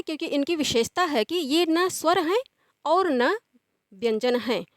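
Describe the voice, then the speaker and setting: A woman with a high voice teaching a grammar lesson in a steady, explaining tone. She asks a question, then answers it, and slows down to draw out each example word. The recording is close and dry. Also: dry recording.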